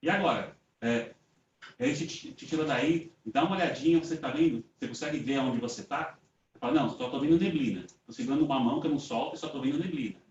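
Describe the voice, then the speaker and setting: A man's voice: medium pitch, fast, slight background noise. A man with a Brazilian Portuguese accent gives a conversational lecture to a group. He tells stories casually, acts out the dialogue he reports, and often ends phrases with a tag question. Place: meeting room with an audience. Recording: roomy, distant, dull lo-fi sound.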